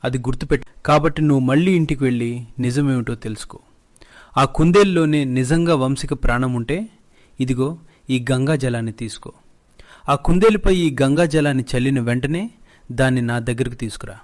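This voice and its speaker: Man voicing an old holy man, kindly, slow, advising, storybook, mid pitch. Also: a little mellow, natural voice.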